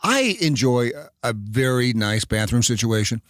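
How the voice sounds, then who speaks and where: Animated male radio host, dry studio sound. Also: medium pitch, normal speed, no echo. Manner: animated, laughs often, stammers and restarts. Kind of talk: casual chat.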